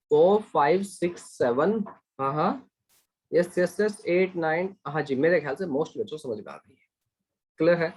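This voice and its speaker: Male teacher, husky voice, coaxing tone, running an online lesson with quick questions to the class. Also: sits high. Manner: coaxing, quizzes students, asks for hands.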